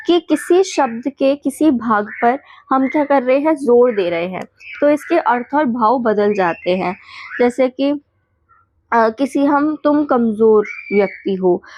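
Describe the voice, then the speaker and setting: A woman teacher going quickly through exam revision points, listing definitions and checking in with the class as she goes. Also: sits high, a little mellow.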